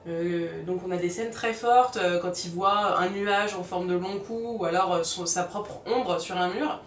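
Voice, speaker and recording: Speaking a little slowly in a fairly low pitch, a woman hosts a film review vlog, with a bit of hiss or hum audible. Her style is conversational and explanatory, partly scripted narration and partly casual chat. A distant mic picks her up in a roomy space, and faint music plays.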